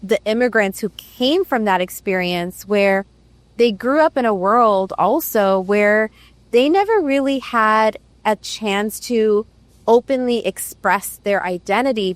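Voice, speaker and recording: Woman host, reflective chat, filler-heavy, middle pitch, dry room. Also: unhurried, no echo. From Middle East. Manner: thoughtful, many fillers like "right" and "like". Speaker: podcast host. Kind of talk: reflective conversation.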